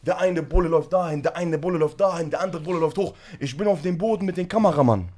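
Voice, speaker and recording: A man telling a story in casual chat, animated and full of slang fillers. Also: a little high, racing. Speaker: guest telling a story on a stream.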